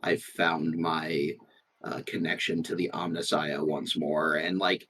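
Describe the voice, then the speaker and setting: A man playing in a tabletop game, describing his character haltingly with many fillers. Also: extremely low pitch, little pitch movement, sharp tone, slightly rough. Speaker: player. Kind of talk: tabletop role-play chat.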